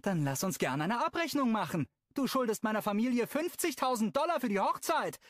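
Male narrator voicing a furious jilted woman, audiobook: shrill, cutting, pitched far up, loud. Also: big pitch swings, normal speed, no echo, clean studio sound. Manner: shrill, cutting, much higher voice. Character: furious jilted young woman, sharp-tongued.

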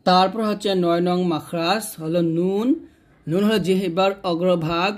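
A man teaching Quran pronunciation, slowly drilling each syllable. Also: high voice, fairly even intonation. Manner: slow drilled syllable repetitions. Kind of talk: step-by-step pronunciation lesson.

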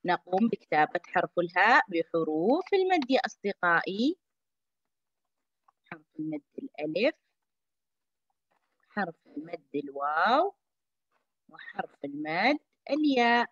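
A woman, a kindergarten teacher giving a lesson to young children. She speaks slowly and clearly and repeats each phrase. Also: lowish voice, very animated, dry recording, muffled recording.

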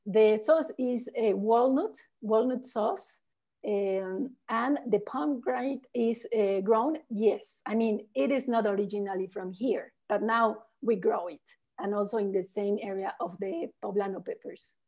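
Measured in pace, the Mexican tour guide speaks in a mid-range voice with a darkish tone. Spanish is her first language and her accent is Mexican as she answers questions on a virtual tour via video call, explaining in a friendly manner and frequently ending phrases with "no?".

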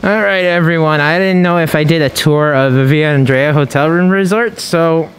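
A man's voice: on the high side, normal speed, clean tone. A man vlogging casually to camera outdoors at a beachfront table, chatty and playful, thinking aloud as he reviews food. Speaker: travel vlogger.

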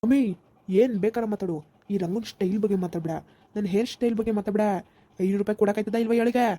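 A woman's voice: mid-range voice, quick pace, warm tone, close to an everyday voice. A woman playing a swaggering rowdy village son. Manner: swaggering, boastful, wheedling for money. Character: cocky, show-off young village son. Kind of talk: village comedy skit.

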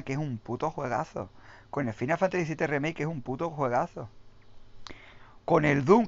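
A man's voice: medium pitch, lo-fi sound. A young man with a Spain Spanish accent, ranting as a gaming commentator in a profane, mocking and emphatic way. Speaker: gaming youtuber.

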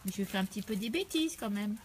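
A woman's voice: medium pitch, lively intonation, fast, a little hiss or hum, lightly acted. A woman voicing her pet dog as a cutesy, playful, slightly wild animal that praises itself.

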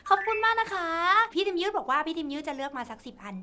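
A woman's voice: very high-pitched, sing-song, racing, sharp tone. A woman streamer chatting casually and reading fan lines aloud, giggly and playful, laughing often. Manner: playful, teasing. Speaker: virtual streamer.

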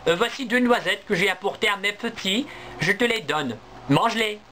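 A man's voice: high voice, lively intonation, normal speed, bright, forceful tone, slight background noise, voice pushed up. A man voicing a kind, protective mother squirrel who speaks in a reassuring way. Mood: kindly.

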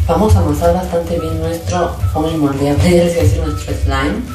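A woman hosts a casual craft tutorial in an enthusiastic, sing-song way. Her voice sits at a middle pitch. It sounds very echoey and set back from the mic, with clear music behind it. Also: level tone, fairly quick. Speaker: host of a slime craft channel. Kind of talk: casual hands-on craft narration. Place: indoors at a tabletop, hands-only shot. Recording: very echoey room, distant mic, background music.

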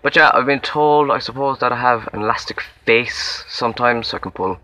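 A man's voice: medium pitch, fairly quick, sharp tone. A young man with a Limerick Irish accent, recording a casual self-introduction audition outdoors in a wood, rambling and self-deprecating with many fillers and restarts. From Limerick, Ireland. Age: young adult. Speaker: acting auditionee.

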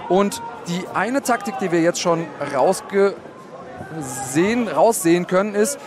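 A man's voice: sits high, animated, takes it slowly, over music. A man giving analytical live fight commentary as the expert, explaining as he goes. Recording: loud arena crowd noise behind.

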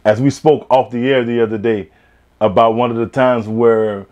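A man from Miami leads a relaxed interview, throwing in slang and nudging his guest to tell stories. His voice sits in an ordinary middle range for a man. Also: mid-range voice, normal speed, dull audio. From Miami, Florida. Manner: friendly, slangy, prompting questions. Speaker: interviewer, host. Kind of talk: casual interview chat.

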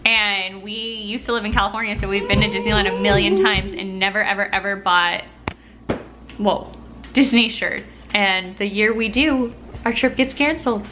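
A woman's voice: medium pitch, steady tone, moderate pace, over music. A woman filming a casual home vlog, talking chattily to the camera and coaxing her toddler in a sing-song way. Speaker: mom vlogger.

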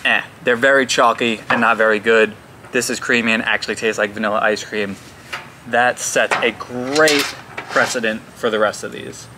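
A man's voice: medium pitch, steady tone, normal speed, noisy background. A young man casually reviewing food outdoors, chatty and self-deprecating, stumbling over foreign product names. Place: outdoors in bright sun.

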